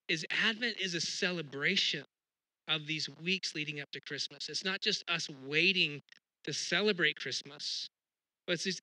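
A man's voice: fairly high pitch, bright, forceful tone, dry recording, low-quality recording. A middle-aged man preaching a sermon as pastor, talking in a conversational, self-deprecating way with frequent restarts.

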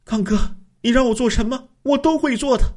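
A man's voice: very high-pitched, a little fast, darkish tone, pitched above the performer's own voice. A man voicing a frightened young wife, pleading tearfully with her husband. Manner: tearful, begging.

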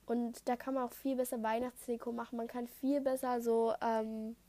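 A thirteen-year-old girl from Saxony hosts her own chatty podcast, answering listener questions one after another. Her voice sits fairly high, and she rambles, trails off and fills gaps with hesitations. She records at home on a simple headset mic. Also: level tone, normal speed, dark tone, dry recording. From Saxony, Germany. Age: teenager, thirteen and a half. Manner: chatty, rambling, wanders off topic with many fillers. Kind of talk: casual chat podcast. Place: at home, construction noise outside. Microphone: Apple headset.

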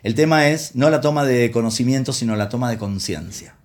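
A man's voice: mid-range voice, brisk, a little mellow. Man preaching, conversational tone. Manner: conversational, acts out quoted voices. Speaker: pastor and counselor. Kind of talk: sermon with personal anecdotes.

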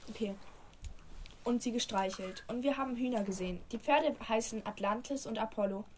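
A woman's voice: fairly high pitch, a little fast, slight background noise. A woman reading aloud from an old school notebook in a casual, giggly, slangy way.

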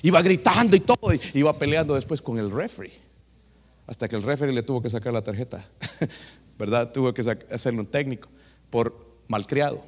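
A man preaching a sermon as pastor, telling a story with lively energy and repeatedly calling his listeners brothers. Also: mid-range voice, fairly quick, big-room sound. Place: church sanctuary.

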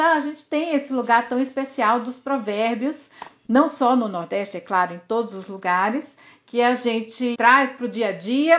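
High-voiced woman professor. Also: fairly bright tone. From Campina Grande, Paraíba, Northeast Brazil. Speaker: guest linguistics professor. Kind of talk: podcast interview.

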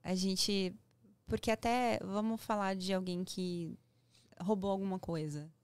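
A woman's voice: mid-range voice, measured pace, clear, resonant tone, no room sound. A woman with a Brazilian Portuguese accent, speaking emphatically as a parenting guest on a podcast. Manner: emphatic, animated, acts out dialogue. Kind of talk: podcast conversation. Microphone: studio podcast mic.

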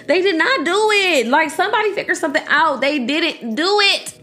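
A woman's voice: extremely high pitch, animated, moderate pace, sharp tone. A young woman vlogging casually, emphatic and slangy, addressing her viewers as y'all. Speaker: vlogger reacting to a series. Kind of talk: casual chat.

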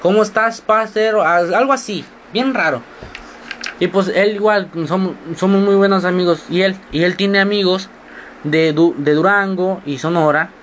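Speaking in a high, fairly bright voice against slight background noise, a teenage boy of sixteen from northern Mexico talks casually into his podcast mic. His mixed regional Mexican accent colors meandering, self-mocking stories that jump quickly between moods.

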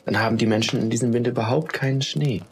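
A man voicing the oldest snowflake, a gentle old woman, in a storybook tale, speaking softly and warmly. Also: mid-range voice, steady tone, fast, background noise, natural voice. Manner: soft, warm and half-whispered.

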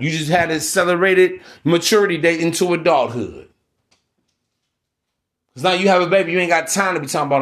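A man in his thirties hosts a podcast as a casual monologue. He lectures bluntly and swears freely. His voice sits high for a man. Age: 30s. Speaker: podcast host.

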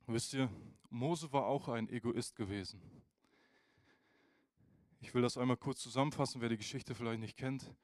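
A man preaching a casual youth sermon, informal and animated, who speaks straight to his listeners. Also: mid-range voice, dry recording, studio quality.

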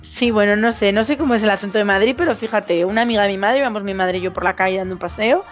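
A woman's voice: medium pitch, very fast, highs cut off. Zamora woman cohosting a podcast, chatty, sing-song accent, faint music under. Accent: Zamora Spanish. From Zamora, Spain. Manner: chatty storyteller, quotes others in lively voices. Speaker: podcast co-host. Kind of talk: casual chat.

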